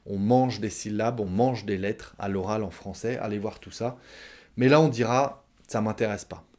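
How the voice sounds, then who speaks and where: A man with a French accent teaching a relaxed spoken lesson, explaining patiently and acting out short example exchanges. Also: lowish voice, normal speed.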